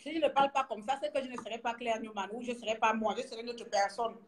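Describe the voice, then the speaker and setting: A middle-aged woman from Gabon with a Gabonese French accent, teasing her viewers in a lively casual vlog, laughing often and trailing off as she searches for words. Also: fairly high pitch, rapid-fire. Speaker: vlogger. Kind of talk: casual mocking commentary to viewers.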